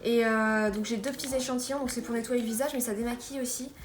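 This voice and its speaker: A woman's voice: on the high side, fairly even intonation, quick pace. A young woman from France showing off a beauty haul in a casual vlog, chatty with lots of fillers and restarts. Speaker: beauty vlogger. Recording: echoey room with background noise.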